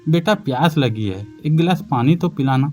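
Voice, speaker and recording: Soft tender old mom, a guy putting her on, faint music behind. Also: mid-range voice, lively intonation, normal speed, lightly acted. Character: gentle aging mother, patient and loving.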